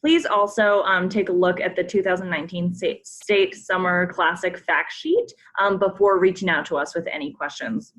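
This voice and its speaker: A woman on a sports program staff hosts a coach conference call, explaining forms via a screen walkthrough in a friendly way, with many ums and polite reminders. Her voice is on the low side and fairly bright, steady in tone, at normal speed with few pauses.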